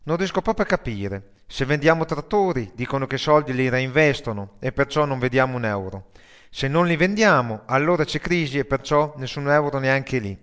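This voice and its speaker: A sardonic metalhead worker who grumbles and swears about his job, as a male audiobook reader puts him on. His tone is loud and coarse at a plain middle pitch. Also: expressive, normal speed, clean tone, natural voice. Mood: grumbling.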